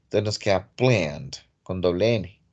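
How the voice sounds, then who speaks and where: Patient teacher explaining grammar. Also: male voice, deep voice, expressive, a little slow, a little mellow, lo-fi sound. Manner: patient, step-by-step explaining with casual diminutives. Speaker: English teacher. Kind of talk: online class explanation. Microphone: computer mic on a video call.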